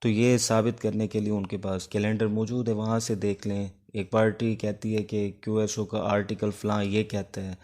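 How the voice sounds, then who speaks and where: A man with a Pakistani accent teaches an informal law lecture, explaining things step by step while code-switching between Urdu and English. His voice is lowish, level and darkish, moving at a moderate pace with hardly any pauses.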